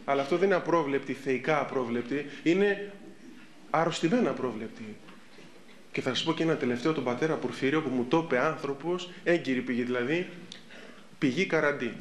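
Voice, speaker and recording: A middle-aged Orthodox priest gives a sermon and tells stories lively, acting out the people in them. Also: male voice, medium pitch. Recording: echoey room.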